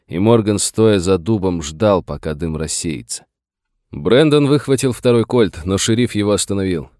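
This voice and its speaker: Male audiobook narrator, very low voice, measured reading, dry close recording. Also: mellow, no echo. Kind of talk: scripted narration.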